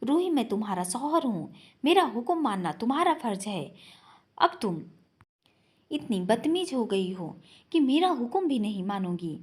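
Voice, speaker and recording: A woman's voice: on the high side, big pitch swings, normal speed, a little mellow, husky. A woman voicing a frantic grieving young husband. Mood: frantic grief. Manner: desperate, pleading, angry.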